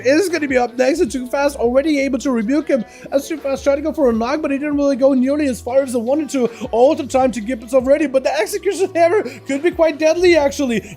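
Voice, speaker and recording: A very high-pitched man with a slight Russian accent streams game duels, calling them with fast, excited play-by-play. Between the action he drifts into loose, rambling chat with his viewers.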